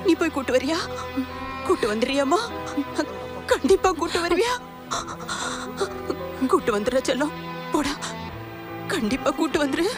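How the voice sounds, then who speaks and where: An actress playing a frantic middle-aged mother, pleading through tears with a high voice. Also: lively intonation, normal speed, pauses often, over music. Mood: tearful pleading. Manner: tearful, pleading. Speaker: worried mother. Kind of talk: Tamil film drama acting. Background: film score.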